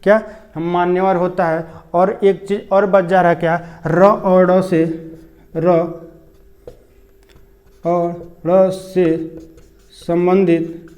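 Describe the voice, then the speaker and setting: Slow, flat-voiced male grammar teacher. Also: high voice. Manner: repeats words slowly, asks and answers his own questions. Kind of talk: exam-prep spelling lesson.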